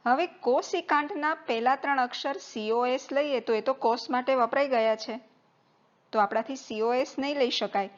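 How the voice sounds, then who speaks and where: Woman math teacher, unhurried and patient, spells terms out letter by letter, muffled lo-fi sound. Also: high-pitched. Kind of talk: board-writing math lesson.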